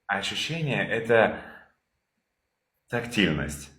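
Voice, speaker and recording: A man leading a calm therapy session over a video call, probing with repeated questions. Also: on the low side, slow pace, echoey room.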